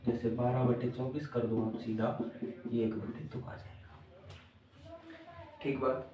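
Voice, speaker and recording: A male maths teacher with a medium-pitched, mellow voice and level tone takes his lesson slowly, step by step, repeating each step and quizzing the pupils, whom he calls children. The room echoes and he sits far from the mic.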